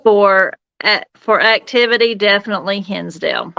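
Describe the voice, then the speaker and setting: A woman's voice: mid-range voice, normal speed, gravelly, bright, forceful tone, dry recording, highs cut off. A woman, chatting casually as co-host of a paranormal podcast from home. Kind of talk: casual chat. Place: home bedroom.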